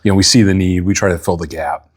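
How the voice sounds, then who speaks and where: A middle-aged man giving earnest, measured explanations as a guest in a casual interview. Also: deep voice, steady tone, husky. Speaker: police chief, interview guest.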